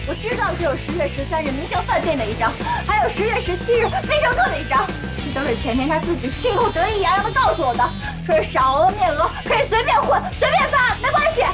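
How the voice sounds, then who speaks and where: A shrill, fiery young office worker. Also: female voice, very animated, quick pace, few pauses, over loud music. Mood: indignant. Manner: shrill, indignant, shouting accusations. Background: film score.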